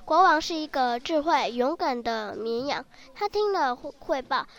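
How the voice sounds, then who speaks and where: A woman reading a children's story aloud in a lively, expressive way. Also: high-pitched, normal speed.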